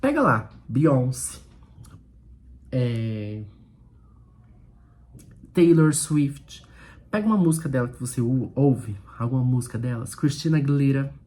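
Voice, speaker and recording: A man's voice: medium pitch, lively intonation, measured pace, long pauses, darkish tone. Brazilian guy teaching english online, chatty, loose, fixes his own slips. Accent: Brazilian Portuguese. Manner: chatty, informal, self-correcting, drills questions in English. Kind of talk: casual recorded online lesson.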